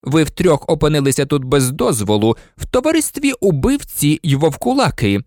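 A man's voice: on the high side, sing-song, moderate pace, darkish tone, dry recording. Man doing a vengeful sneering professor, silky voice, dry sound. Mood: scornful.

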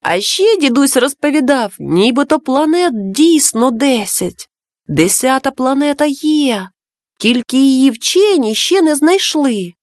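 Storybook: woman doing a wise male dove friend, slow, patient explaining, lilting. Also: high voice, expressive, a little mellow, no room sound, clean studio sound.

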